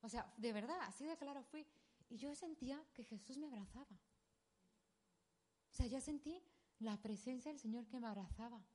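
A woman in her thirties telling a painful personal story as a sermon testimony, halting and emotional with many restarts. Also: fairly high pitch, dark tone. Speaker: preacher sharing a testimony.

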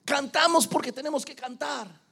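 A pastor preaching a sermon, swinging from hushed near-whispers to shouting and acting out the voices of the people he quotes. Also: extremely high pitch, moderate pace, vocal fry.

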